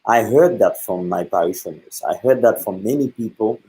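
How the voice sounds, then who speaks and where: Priest guy, lowish voice, talks slow and earnest with lots of uh's. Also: warm tone, poor audio. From Haiti. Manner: earnest, with many pauses and fillers. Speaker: guest speaker. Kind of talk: reflective talk on faith.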